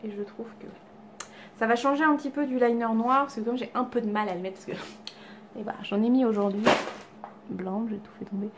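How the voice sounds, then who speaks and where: A woman's voice: a little high, steady tone, fairly quick, noisy background. A woman chatting casually to camera about her makeup haul, self-deprecating and full of fillers and restarts, at home. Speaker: beauty vlogger. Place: home with cats around.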